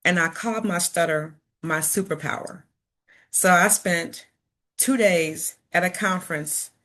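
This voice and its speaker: Earnest and encouraging, a middle-aged woman from Chicago, United States, speaks personally to an audience as a motivational speaker, stuttering and repeating words. She uses a fairly low, fairly bright voice at a measured pace.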